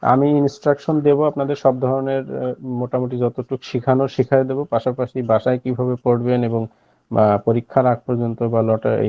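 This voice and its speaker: A man gives an evening language class over a video call, speaking patiently with frequent pauses and filler sounds. His voice sits at an ordinary pitch. The audio is a little dull and completely dry, with no room sound. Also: no room sound. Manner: patient, explanatory, many fillers. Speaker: online language teacher. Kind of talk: casual online class. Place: home at night.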